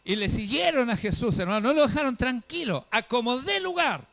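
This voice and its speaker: A man's voice: very high voice, big pitch swings, fairly quick, gravelly, fairly bright tone. A male pastor giving a fervent sermon to a congregation, calling them brother and throwing out rhetorical questions. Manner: fervent preaching, calls listeners "hermano", rhetorical questions. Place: church service, filmed for a web show.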